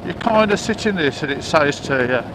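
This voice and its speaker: A man's voice: on the high side, expressive, brisk. A chatty man reviewing a motorbike while riding, speaking through a helmet microphone with wind noise around him. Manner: chatty, enthusiastic, repeats words. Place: outdoors on a motorbike.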